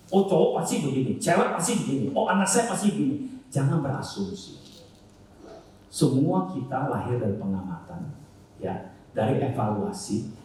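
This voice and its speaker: A man giving a casual family talk in church, addressing the audience with frequent questions and swinging between loud and soft. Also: on the low side, a little hiss or hum. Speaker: church speaker. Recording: echoey church hall from far off.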